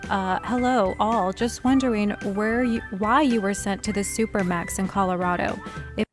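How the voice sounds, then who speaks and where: A woman reads viewer questions aloud in an interview clip, her tone polite and measured. Clear music runs under her voice the whole time. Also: mid-range voice, steady tone.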